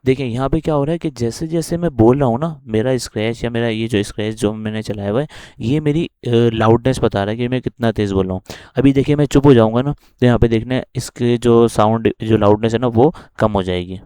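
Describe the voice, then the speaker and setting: Mellow-voiced man teaching a coding class. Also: medium pitch, fairly quick, clean tone, no room sound, studio quality. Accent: Pakistani. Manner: explains step by step, often checking in with listeners. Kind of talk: screen-recorded coding tutorial.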